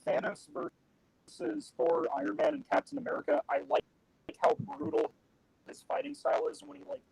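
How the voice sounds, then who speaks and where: A man's voice: extremely high pitch, fairly even intonation, moderate pace, gravelly, a little mellow, poor audio. Man with a robotic, glitchy voice. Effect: robotic, glitchy call audio. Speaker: panelist on a call. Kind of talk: casual chat.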